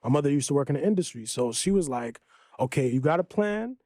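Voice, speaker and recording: Young male musician guest, higher voice, animated slangy storyteller, dry studio. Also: quick pace, no room sound. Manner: animated storytelling, New York street slang. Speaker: guest, music group member. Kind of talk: casual podcast conversation.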